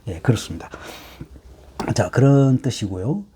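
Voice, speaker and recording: A middle-aged man teaching hanja in a lecture, explaining slowly with many fillers and rhetorical questions. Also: medium pitch, lively intonation, warm tone, slightly rough.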